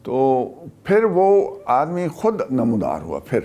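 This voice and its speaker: An older man from Pakistan, a retired army officer, recounts a wartime memory in an interview, speaking haltingly with many pauses. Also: mid-range voice, wildly swooping pitch, warm tone.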